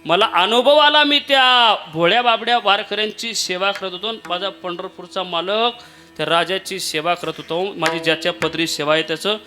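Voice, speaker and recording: Preacher doing a meek barber begging forgiveness, high earnest voice. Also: male voice, fairly even intonation, moderate pace, bright, forceful tone, soft background music. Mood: pleading. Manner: pleading, earnest, emotional. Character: humble devoted male barber, pleading servant.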